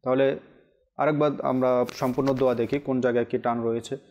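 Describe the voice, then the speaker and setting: A man teaching correct pronunciation on a televised religious lesson, explaining slowly and chanting Arabic examples. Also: mid-range voice, little pitch movement, a little mellow. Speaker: Quran recitation teacher.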